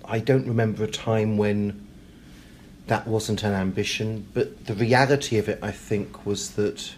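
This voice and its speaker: Here a British interview guest speaks at a measured pace, his fairly low voice holding a steady tone. It's a casual conversation in which he's chatty and self-deprecating, with hesitant, repeated words, and background noise and room ambience are clearly present.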